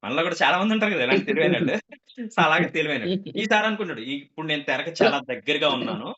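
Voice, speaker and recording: A man's voice: fairly high pitch, lively intonation, very fast, pushed and bright, dull audio. A man telling a comic story to a group, acting out the characters' quoted lines.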